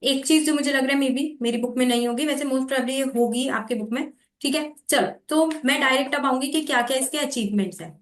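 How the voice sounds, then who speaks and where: A woman teaching exam preparation, explaining how to make notes and reading passages aloud slowly in a mix of Hindi and English. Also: sits high, roomy sound. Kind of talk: explaining note-making while reading aloud.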